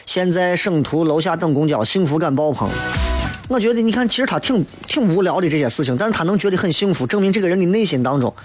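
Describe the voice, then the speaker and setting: Playful Shaanxi-accented man over clear background music. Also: high voice, lively intonation, fast talker. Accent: Shaanxi (Xi'an). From Xi'an, Shaanxi, China. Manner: playful, teasing, colloquial. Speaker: radio show host. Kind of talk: casual chat, reading and answering listener messages.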